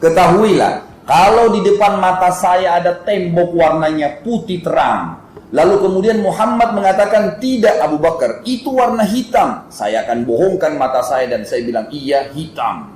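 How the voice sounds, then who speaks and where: A man voicing a bold, loyal male companion who proclaims loudly to a crowd in an echoey mosque hall. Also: on the high side, animated, moderate pace, slight background noise, natural voice. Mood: proclaiming.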